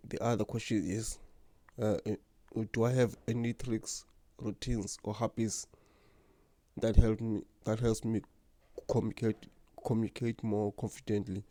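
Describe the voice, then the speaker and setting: A lowish, warm male voice, flat in delivery and a little slow, comes through a dry recording. The speaker is a young South African who stutters with repeated words and blocks. He talks earnestly and without hurry about himself as his channel's host in a personal vlog.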